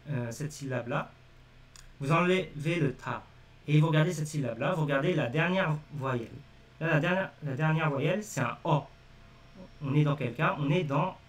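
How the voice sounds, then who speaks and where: In an echoey room with the mic at a distance, a language teacher with a fairly high voice talks away from the microphone. He teaches a live-streamed lesson, repetitively walking viewers through each step and addressing them directly.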